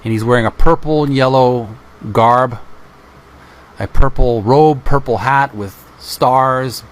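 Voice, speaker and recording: In a medium-pitched voice, a man running a channel reads from a book and offers loose, descriptive asides that come out halting and in pieces.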